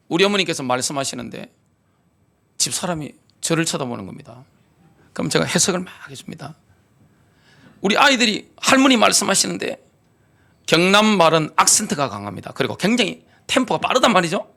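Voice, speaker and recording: A man's voice: on the high side, vocal fry, bright, forceful tone. A middle-aged man with a Gyeongsang Korean accent, preaching a sermon as pastor, emphatic and full of rhetorical questions. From Gyeongsang region, South Korea.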